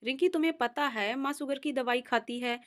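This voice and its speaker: A woman's voice: sits high, moderate pace, lightly acted. A woman voicing an irritated, defensive adult brother in a storybook reading.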